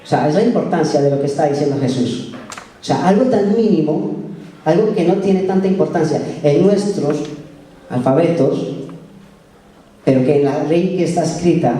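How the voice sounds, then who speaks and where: A man's voice: on the high side, warm tone. A man preaching a sermon in a conversational way, often asking the congregation questions. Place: church meeting room. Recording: echoey room, voice from far off.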